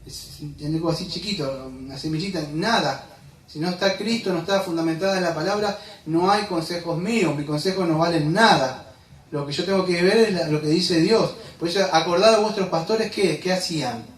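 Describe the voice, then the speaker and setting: A man's voice: high-pitched, moderate pace. A man preaches from the pulpit. He speaks in a slightly raised register and keeps asking rhetorical questions. The recording is roomy and picked up from some distance. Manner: preaching with rhetorical questions, addressing listeners as "amado". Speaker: pastor. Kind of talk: sermon. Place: church sanctuary. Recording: echoey church hall, from a distance.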